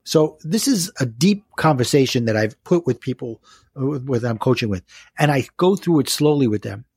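Husky man with a Brooklyn accent. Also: mid-range voice, expressive, moderate pace, darkish tone, no echo. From Brooklyn, New York. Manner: explains step by step with rhetorical questions and acted-out quotes. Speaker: life coach, interview guest. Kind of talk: conversational coaching explanation in an interview.

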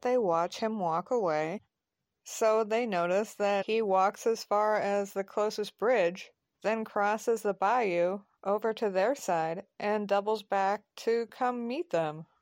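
A woman narrating a scripted audio drama in a calm, measured storytelling manner. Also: medium pitch, no echo, studio quality.

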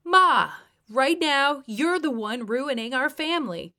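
A woman voicing a fed-up young husband who speaks firmly and forcefully. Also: sits high, expressive, slow, voice pushed up, full character voice. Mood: angry. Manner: forceful, firm.

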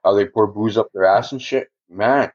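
A man's voice: on the low side, moderate pace. A man telling a long personal story in casual podcast talk, swearing a lot and chuckling as he rambles. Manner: profane, rambling, chuckles often. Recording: dull lo-fi recording.

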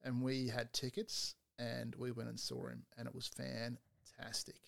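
A middle-aged man chats and jokes loosely, rambling from one thing to the next. His voice has a gravelly, creaky edge. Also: mid-range voice, completely flat delivery, normal speed. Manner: joking, rambling. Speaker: podcast co-host, father. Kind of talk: casual chat.

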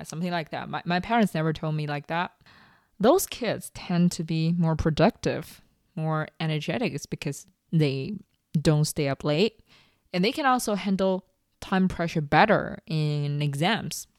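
A woman's voice: lowish voice, darkish tone, dry recording, studio quality. A woman presenting self-help tips like a vlogger, in an upbeat, neatly organized, step-by-step way. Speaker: advice vlogger. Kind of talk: scripted self-help tips talk to viewers.

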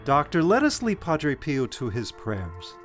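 Casting: reassuring male abbot, slow and measured, protective, radio-drama delivery with music underneath. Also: on the high side, wildly swooping pitch. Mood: calm, courteous. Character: calm, protective male monastery superior. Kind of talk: dramatized audio story acting.

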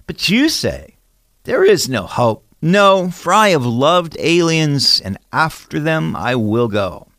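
Earnest male Bible teacher, lively pitch. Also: no room sound, studio quality. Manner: earnest, emphatic, rhetorical questions. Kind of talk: expository sermon reading and explaining scripture.

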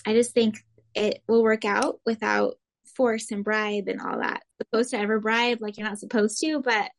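A woman from Arizona, a mother and recipe blogger, talking as an interview guest in a relaxed, rambling way with lots of "like" and light laughs. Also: a little high, moderate pace, gravelly. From Arizona, USA. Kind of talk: casual interview chat.

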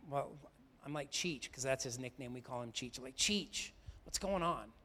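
A middle-aged pastor preaching a sermon. He moves between loud, emphatic declarations and quiet, confiding storytelling. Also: medium pitch, normal speed, slight background noise.

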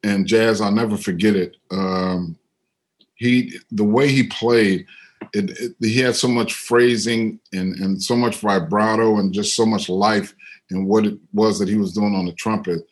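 Middle-aged man, low-pitched, relaxed storyteller on a video call, livens up when quoting people. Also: measured pace. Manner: animated when quoting others, otherwise easygoing with fillers. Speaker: interviewed musician and composer. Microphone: computer on a video call.

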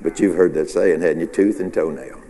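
A man with a low voice preaches in a relaxed, rambling way, stopping to ask his congregation if they follow him. His words ring out with a long reverb from the church hall around him. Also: normal speed. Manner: conversational, rambling with restarts and call-and-response. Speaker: pastor. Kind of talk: informal midweek sermon. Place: church sanctuary.

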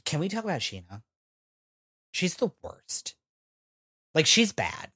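A thirtysomething woman co-hosting a casual reality-TV podcast speaks slowly in a low, husky, sing-song voice that sounds pushed and bright. Her rant is full of curses and dramatized quotes.

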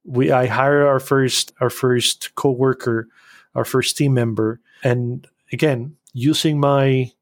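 Brief: man, guest, animated quick talker, mid pitch, dry. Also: no echo. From Costa Rica. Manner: animated, quick bursts with restarts. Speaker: podcast guest, business owner. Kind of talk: casual interview talk.

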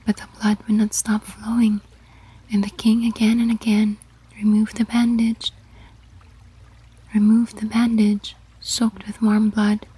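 A woman reading a story aloud entirely in a soft, steady whisper. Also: medium pitch, a little slow, breathy edge. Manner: steady unvoiced whisper throughout.

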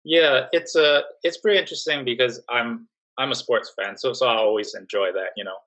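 A young adult man from Singapore, speaking as a guest in a casual interview, relaxed and full of fillers and restarts. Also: medium pitch, a little fast, low-quality recording. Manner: relaxed, many fillers and restarts, laughs softly. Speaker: job-seeking guest.

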